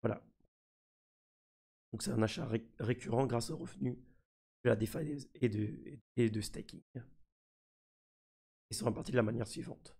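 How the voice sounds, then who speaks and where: A man with a husky, gravelly voice, sick, giving casual live commentary as a mischievous streamer. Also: mid-range voice, steady tone, moderate pace, pauses often, mellow. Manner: mischievous, trolling his community. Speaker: streamer presenting a crypto NFT project.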